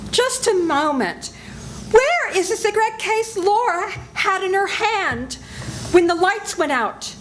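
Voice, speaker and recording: A woman's voice: very high-pitched, expressive, slow, fairly bright tone, slight background noise, exaggerated voice, poor audio. An older woman voicing a frightened wife in an amateur live radio play, speaking in an anxious, pleading way. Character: frightened wife, Geraldine Reeves.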